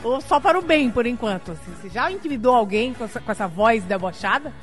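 A woman hosting a live-streamed interview, chatting lively and reading out viewer messages. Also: on the high side, quick pace, faint music behind. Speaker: interview host.

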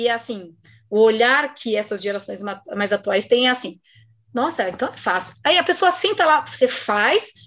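Brazilian professor, middle-aged woman, high voice, lively casual podcast talk. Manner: animated, acts out quoted voices. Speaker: research supervisor and professor.

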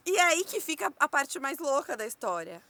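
Bright-voiced Brazilian woman telling a story. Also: sits high, fairly quick. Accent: Brazilian Portuguese. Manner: animated storyteller, acts out quotes, laughs often. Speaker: podcast host telling a story. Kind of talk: casual podcast chat.

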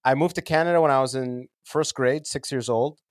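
A man's voice: mid-range voice, fairly quick, no echo, studio quality. A man from Sudan in his thirties, a comedian guest chatting casually on a podcast from his basement, joking and laughing between lines. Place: home basement.

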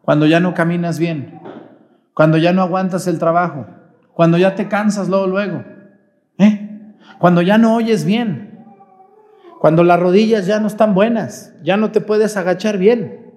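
Folksy priest preaching. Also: male voice, high voice, steady tone, unhurried, long pauses, darkish tone. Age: 40s. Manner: questioning the congregation directly, folksy. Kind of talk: sermon at Mass.

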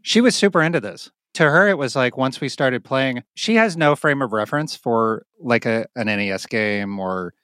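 Excitable man swearing in casual chat. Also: mid-range voice, normal speed, hardly any pauses, clean tone, no echo, clean studio sound. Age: adult, married. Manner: excitable, swears freely, laughs often. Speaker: podcast co-host.

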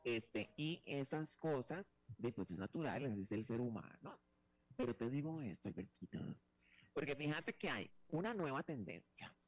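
A man's voice: mid-range voice, sing-song, moderate pace, dry recording. A male talk-show host with a flamboyant, teasing delivery. He rambles through his points with frequent restarts and playful asides. His voice sits mid-range, captured dry and close.

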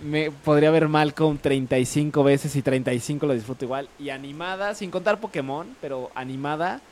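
A man co-hosting a podcast, chatting loosely and peppering everything with slang and swearing. His voice sits a touch high for a man. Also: brisk, darkish tone, a little hiss or hum. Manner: slangy, swears freely, leans on "güey". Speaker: podcast co-host. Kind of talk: casual chat.

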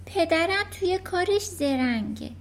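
A small, clever girl speaks softly and politely, hesitating before she answers, as a woman reading the story puts her on. The voice sits very high and soft. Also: lively intonation. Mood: timid.

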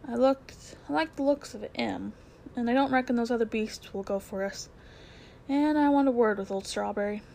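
A woman's voice: a little high, moderate pace, creaky, dark tone, a little hiss or hum. A woman voicing a plain-spoken London cabman with a Cockney accent, dropping his h's. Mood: earnest. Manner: h-dropping, earthy and blunt.

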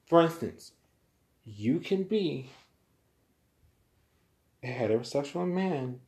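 An American vlogger gives a blunt, exasperated opinion monologue, lecturing his audience directly. His voice is on the high side, expressive, slow, and a little mellow, and the recording has a roomy echo.

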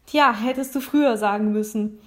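Woman reader doing a pushy smug guy, dismissive, slightly high voice, audiobook. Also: normal speed, natural voice. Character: pushy young man, smug and coercive.

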